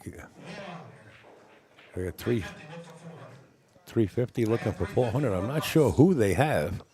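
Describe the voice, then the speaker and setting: Male live stream host, lowish voice, chatty and folksy, casual tournament commentary. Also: expressive, slow pace, dark tone.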